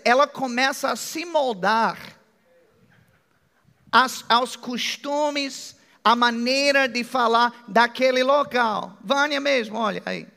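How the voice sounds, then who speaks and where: A middle-aged male pastor with an American accent preaches in a joking, chatty manner. His voice sits very high for a man and sounds bright and gravelly as he draws his phrases out slowly. Long reverb from the church hall trails behind every line. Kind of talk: sermon.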